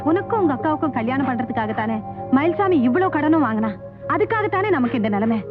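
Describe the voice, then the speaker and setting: A protective village mother who scolds her children, with a high, fast voice. The recording is thin and phone-like, with music clearly underneath. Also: very animated. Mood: concerned. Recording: tinny lo-fi film soundtrack with music.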